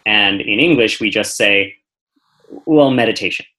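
Low-voiced man explaining patiently. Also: a little slow, sharp tone, rough recording. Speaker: meditation teacher. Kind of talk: conversational interview answers.

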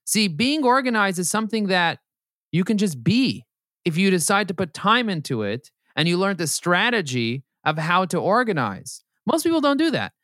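A man speaking as a podcast guest, talking in an emphatic, motivational way that builds into animated preaching. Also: sits high, normal speed, dry recording, studio quality. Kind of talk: podcast interview. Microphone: podcast microphone.

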